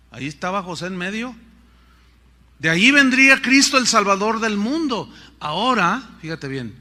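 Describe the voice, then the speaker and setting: A man's voice: high voice, pushed and bright. A middle-aged man, preaching a sermon with rhetorical questions and playful asides. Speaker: pastor.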